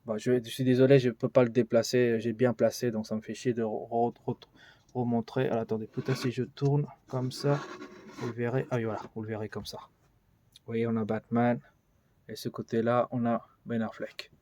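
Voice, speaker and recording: A man gives a relaxed tour of his collection for a vlog. He rambles and thinks out loud, with frequent fillers as he moves from shelf to shelf. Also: mid-range voice, moderate pace. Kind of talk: casual room tour vlog. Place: indoors in a collection room.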